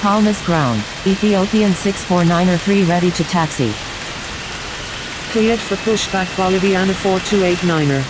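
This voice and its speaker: Through loud radio static, a woman with a fairly low voice plays a businesslike airline pilot in a flight simulator game. She speaks at normal speed but leaves long pauses between her clipped, procedural read-backs.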